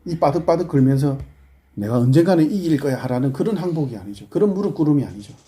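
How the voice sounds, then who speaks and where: A male pastor with a Busan accent preaching a sermon, swinging from hushed prayerful murmurs to loud scolding questions. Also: a little high, expressive, quick pace. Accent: Busan Gyeongsang Korean.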